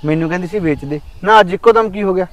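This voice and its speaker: A quick, high-voiced village husband, jealous and bossy, firing off accusations at his wife, as an actor plays him. He talks fast and keeps scolding. The scene is from a village short film. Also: a little hiss or hum, close to an everyday voice. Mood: angry. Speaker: husband, landowner.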